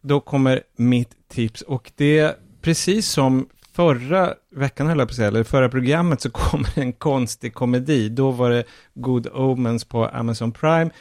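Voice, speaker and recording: Gravelly Swedish-speaking man chatting about shows. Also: medium pitch, a little mellow, dry recording, clean studio sound. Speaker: podcast host reviewing films and series. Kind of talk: casual chat.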